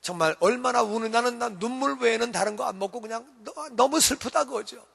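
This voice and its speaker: A man's voice: extremely high pitch, fairly quick, gravelly, a bit bright. A male pastor preaching a sermon in a church, emphatic and repeating phrases for stress. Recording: reverberant church hall.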